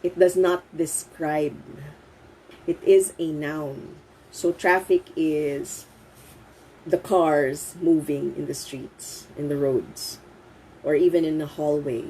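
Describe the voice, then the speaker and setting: A woman with a Filipino accent teaches English in a live online session, her voice sitting fairly low. She talks in a lively way, slips into Tagalog and laughs often. A faint hiss runs under the recording. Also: slow pace. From Philippines.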